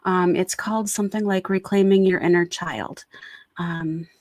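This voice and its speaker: A woman's voice: on the low side, steady tone, moderate pace, a little mellow, dry recording. Chatty woman hosting a healing livestream, dry sound. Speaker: Reiki practitioner and host. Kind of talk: casual livestream talk introducing a guided meditation.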